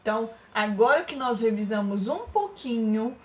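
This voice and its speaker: A primary school teacher gives a remote lesson to young children in a slightly high, animated voice at a moderate pace. She's sing-song and coaxing, constantly checking in with her pupils through questions and loudly exaggerating sounds to demonstrate them.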